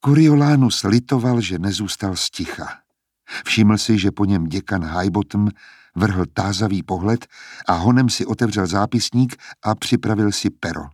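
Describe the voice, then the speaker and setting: A man narrating a novel in a steady, even storytelling voice. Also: on the low side, husky, no room sound, clean studio sound. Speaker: audiobook narrator. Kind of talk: scripted narration.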